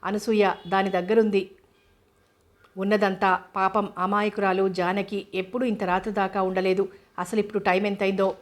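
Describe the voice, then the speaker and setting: A woman narrating an audiobook novel in an even, steady reading voice. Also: medium pitch, normal speed.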